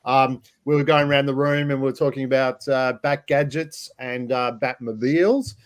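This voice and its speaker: Male stream host, casual, halting delivery, ordinary mid voice. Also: medium pitch, fairly even intonation, clean tone. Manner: halting, many fillers and restarts. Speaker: livestream host. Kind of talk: casual livestream chat.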